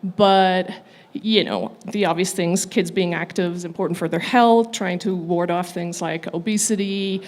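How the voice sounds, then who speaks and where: A middle-aged woman from Ireland, a physician speaking as a panel guest and explaining things in a measured way. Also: lowish voice, fairly even intonation, a little mellow. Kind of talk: live panel answer.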